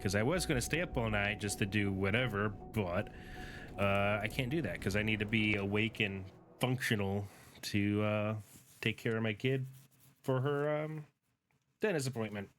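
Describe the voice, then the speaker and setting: Tired low-voiced man rambling over game music. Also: normal speed, a bit bright. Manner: rambling, thinks aloud with fillers. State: tired, yawning. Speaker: gaming streamer. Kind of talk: casual gameplay commentary.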